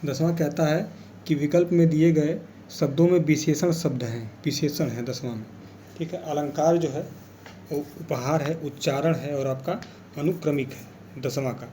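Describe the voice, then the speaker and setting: A man's voice: a little high, steady tone, moderate pace, warm tone, slight background noise. A man teaching an exam revision lesson, explaining patiently and repeating key words as he goes.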